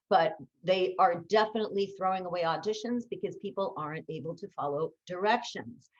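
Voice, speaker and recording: A voice-over coach with a lowish voice gives instructional tips in a conversational style, heard through a muffled recording. She stresses key words by repeating them and poses rhetorical questions.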